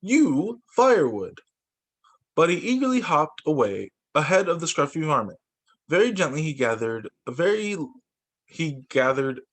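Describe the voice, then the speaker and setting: Taking the teacher's role, a man performs a children's story with plenty of expression, exclaiming and adding comments of his own. He sits on the high side, with a fairly bright tone.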